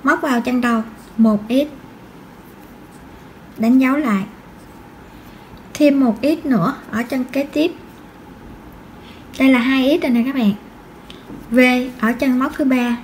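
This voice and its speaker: A high-pitched woman talks through a crochet tutorial. She is patient and counts each stitch aloud. A faint hiss sits behind her voice. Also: a little slow, pauses often, a little mellow. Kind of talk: step-by-step crochet instruction.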